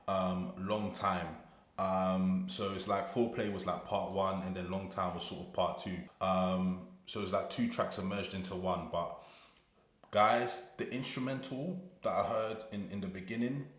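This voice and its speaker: A British man reacts to music for his channel, talking in a fairly low voice. He gushes breathlessly, stumbling through restarts and fillers. The sound is roomy and echoey. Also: fairly bright tone. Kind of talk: excited music reaction commentary.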